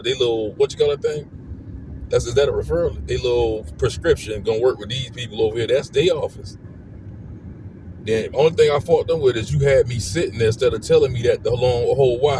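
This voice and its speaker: A man who is unwell vents heatedly on a car ride home, repeating himself as he talks to his viewers. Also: mid-range voice. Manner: heated, repetitive, keeps asking "you know what I'm saying". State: unwell, congested. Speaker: family vlogger. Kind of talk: ranting car-ride vlog. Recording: car road noise behind the voice.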